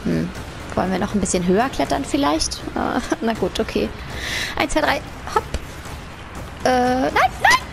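A woman's voice: on the high side, expressive, moderate pace, creaky, very noisy. A woman doing casual let's play commentary, playfully thinking aloud and exclaiming as she goes. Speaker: gaming host. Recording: game music and effects behind.

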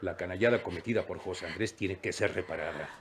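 An actor playing a middle-aged family friend who speaks firmly and soothingly. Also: male voice, low voice, quick pace, lightly acted. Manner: firm, soothing and advising. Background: soap opera background music.

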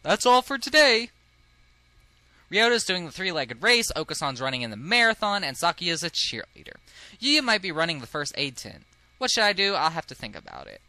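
A man giving casual, chatty commentary on a game he is playing. His voice is bright and quite high, and his pitch swings a lot. The recording sounds dry and close. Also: a little fast, no echo. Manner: animated, giggly and chatty. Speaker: let's play host.

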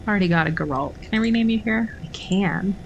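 A woman's voice: medium pitch, fairly quick, gravelly, dull audio, a little hiss or hum. A woman chatting casually and rambling while playing a video game, with self-mocking asides. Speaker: gaming streamer. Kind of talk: casual let's-play commentary. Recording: game music playing behind the voice.

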